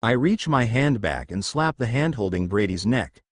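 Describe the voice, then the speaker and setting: A man narrating a first-person fan fiction story in an expressive storytelling manner. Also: medium pitch, moderate pace, no room sound.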